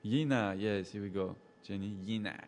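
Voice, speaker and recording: This low-voiced safari guide speaks at a normal speed with a French accent, coming from a French-speaking background. He casually chats with people watching live, reading their messages aloud, calling them by name and laughing a lot, with a bit of hiss or hum behind him.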